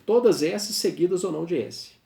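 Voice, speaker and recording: A man teaching a grammar lesson, patiently explaining rules and repeating examples slowly. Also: high voice, creaky, mellow. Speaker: Portuguese teacher. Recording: echoey room.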